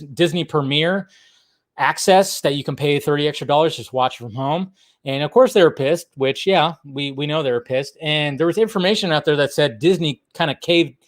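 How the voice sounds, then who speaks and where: Hosting a casual, rambling pop-culture livestream, this man chats loosely with viewers and keeps repeating himself. His voice is a little high, and the sound is clean studio audio without echo.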